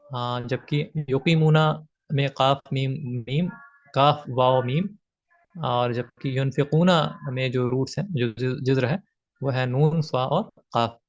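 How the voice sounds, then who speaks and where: A man's voice: mid-range voice, a little slow. A man teaching grammar from slides, patiently repeating his points with frequent fillers. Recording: slightly dull lo-fi audio.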